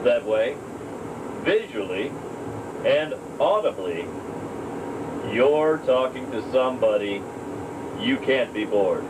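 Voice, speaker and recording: A young man giving a deadpan, mock-serious self-help lesson to a home video camera in a motel room. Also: medium pitch, slow pace, pauses often. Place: motel room while out of town. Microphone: camcorder mic from across the room. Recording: distant camcorder audio, air conditioner hum.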